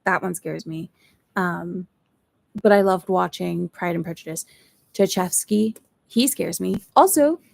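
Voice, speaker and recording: A book streamer who isn't a native English speaker chats casually and thinks aloud during a live reading session, seated in a chair at home. Her medium-pitched voice is gravelly with a darkish tone, and there's no echo.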